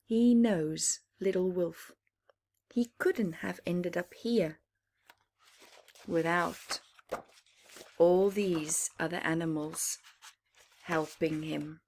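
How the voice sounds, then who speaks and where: A woman with a fairly low pitch reads a picture book aloud to young children, animated in storytime fashion with dramatic pauses and brief explanations. Slight background noise can be heard.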